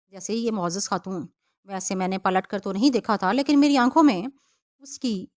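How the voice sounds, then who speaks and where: A woman narrating a novel as an audiobook, with a steady storytelling delivery. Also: mid-range voice, dry recording, studio quality.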